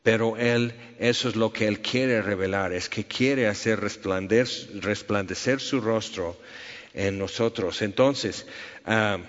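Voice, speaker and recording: A man's voice: lowish voice, slow pace. A man preaching a sermon, reading scripture and telling stories with sound effects. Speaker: pastor. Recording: echoey hall, dull lo-fi sound.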